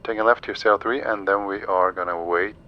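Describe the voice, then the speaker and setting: A man's voice: fairly low pitch, steady tone, a little fast, highs cut off, a little hiss or hum. A man streaming a flight simulator, thinking aloud through each step as he gives live commentary and makes pilot radio calls.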